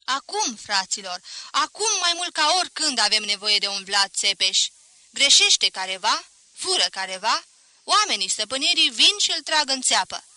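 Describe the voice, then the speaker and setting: A woman doing a burly loudmouthed rabble-rouser. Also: high voice, big pitch swings, dry recording, pitched above the performer's own voice, exaggerated voice. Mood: fervent. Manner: loud, rousing, declamatory. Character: burly loudmouthed man urging harsh rule.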